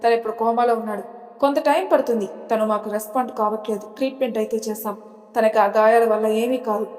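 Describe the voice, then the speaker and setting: A woman narrator puts on a calm male doctor in an audio storybook who gives news in a matter-of-fact way. Her voice stays fairly high. A long reverb hangs after each line. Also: quick pace, lightly acted. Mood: measured.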